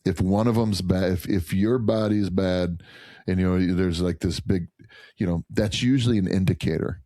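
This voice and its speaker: A podcast guest who works as a chiropractor speaks in a very low, mellow voice, earnest and steady at a normal pace during a casual conversation. He rambles, frequently restarting his thoughts. The recording is dry and close, with no room sound.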